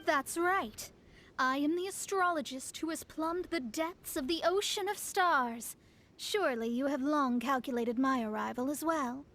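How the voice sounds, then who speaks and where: A woman's voice: high voice, measured pace, a bit bright, a little hiss or hum. A woman voicing a haughty young astrologer in a video game, with pompous, formal wording. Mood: proud.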